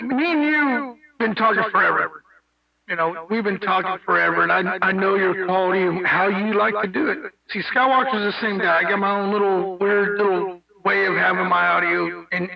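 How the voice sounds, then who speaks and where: A man chats over CB radio in a high, gravelly voice, rambling and restarting his sentences. He sounds distant and muffled through the radio. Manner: rambling, repeats and restarts, calls people bro and dude. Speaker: CB radio operator. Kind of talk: casual radio chat.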